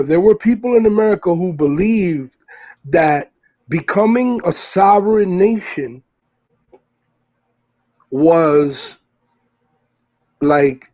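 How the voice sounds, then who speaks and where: A man's voice: sits high, warm tone, muffled recording. A man from the US Northeast, the host, talking loosely in casual chat, full of fillers and restarts. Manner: rambling, many fillers and restarts.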